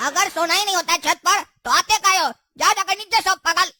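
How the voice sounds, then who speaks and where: Very high, sharp-voiced scolding woman. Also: a little fast, no room sound, clean studio sound. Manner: shrill, insulting. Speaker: son character in a comedy sketch. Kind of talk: scripted comedy sketch.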